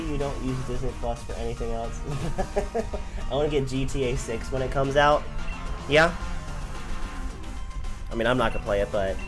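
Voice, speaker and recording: A young man in his twenties rambles through a casual gameplay stream, laughing often as he answers chat. His pitch sits in an ordinary middle range for a man, and soft game music plays faintly behind him. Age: 20s. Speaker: livestreamer.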